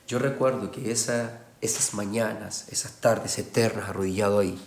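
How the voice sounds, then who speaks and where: A man's voice: lowish voice, fairly even intonation, moderate pace, gravelly, a little hiss or hum. Emphatic male pastor in an echoey hall. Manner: emphatic, swings between soft hushed passages and loud raised ones. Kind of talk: sermon. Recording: roomy echoey church sound.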